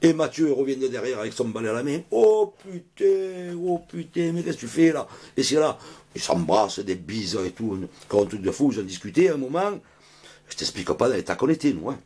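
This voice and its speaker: A man's voice: on the low side, very animated, fast talker, a little mellow, slightly rough. A middle-aged man telling a comic anecdote in a rambling, slangy way, full of fillers. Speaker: storyteller.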